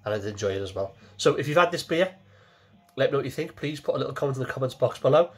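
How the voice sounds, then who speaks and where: A man's voice: medium pitch, lively intonation, rapid-fire, slightly rough. A man in his forties, talking casually to camera from a small home kitchen as he reviews a beer, chatty and repeating himself as he goes.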